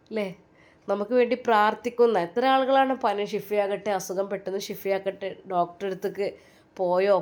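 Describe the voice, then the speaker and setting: A young woman, narrating an Islamic story and chatting warmly with her listeners. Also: mid-range voice. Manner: warm, chatty, prayerful asides.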